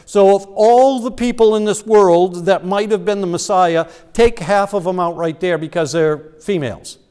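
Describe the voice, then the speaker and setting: A pastor whose voice is notably high preaches at normal speed in a church sanctuary, where a long hall reverb carries his words. His tone is clear, resonant and a little mellow as he walks through scripture conversationally, occasionally tripping up and restarting.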